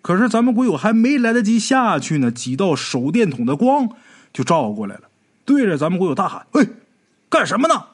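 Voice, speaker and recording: Husky, animated male ghost storyteller. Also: high-pitched, fairly quick.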